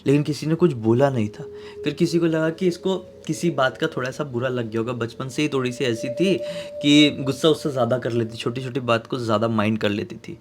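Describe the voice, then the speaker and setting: A man telling a horror story in a casual, dramatic way, swinging between loud bursts and hushed tones. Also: medium pitch, fairly quick, background noise.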